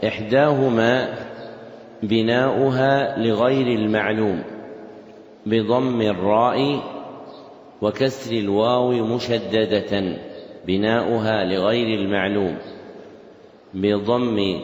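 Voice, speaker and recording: Man teaching slowly in an echoey hall. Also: on the low side, a little mellow. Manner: slow, repeats phrases for dictation. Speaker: Islamic scholar teaching a hadith text. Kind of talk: classroom lesson explaining a text.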